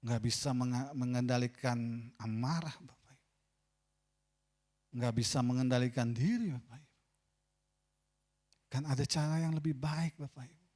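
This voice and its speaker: A man with an Indonesian accent preaching a sermon as pastor in a church, swinging between loud, mocking asides and quiet, confessional lines. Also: mid-range voice, fairly even intonation, normal speed, pauses often. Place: church sanctuary. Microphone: pulpit microphone.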